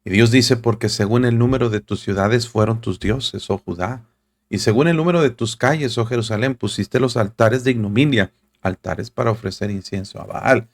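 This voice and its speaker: A man's voice: medium pitch, normal speed, no echo. A male pastor, preaching a sermon with earnest direct address and reading scripture aloud. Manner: reads scripture aloud, searches for verses mid-talk.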